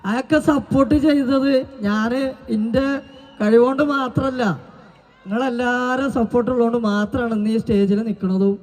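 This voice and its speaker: A man's voice: very high voice, steady tone, a little fast, a little mellow. A man doing playful live stage comedy banter. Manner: playful, teasing the crowd. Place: stadium stage before a crowd. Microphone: handheld stage mic. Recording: reverberant open-air stage. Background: crowd.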